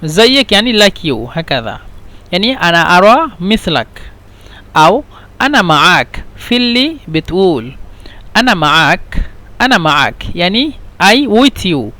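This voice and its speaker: High-voiced man teaching Arabic. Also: sharp tone. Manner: slow, repetitive explanations mixing Arabic and English. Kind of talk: language lesson.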